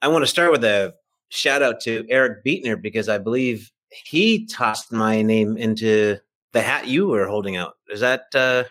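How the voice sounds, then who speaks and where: A middle-aged or older fiction writer, guesting on a podcast, tells anecdotes in a casual, self-deprecating manner. His voice is on the low side and a bit bright, at a moderate pace.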